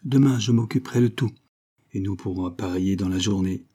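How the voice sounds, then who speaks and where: A man voicing a calm, steady former naval officer who speaks in a measured way. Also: deep voice, slightly rough.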